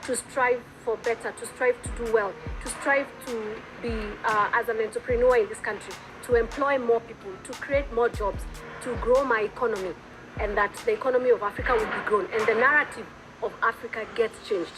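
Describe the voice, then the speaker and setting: Earnest Kenyan woman, clear music behind. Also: fairly high pitch, rough recording. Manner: earnest, reflective, pauses with fillers. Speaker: entrepreneur, interview guest. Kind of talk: interview answers.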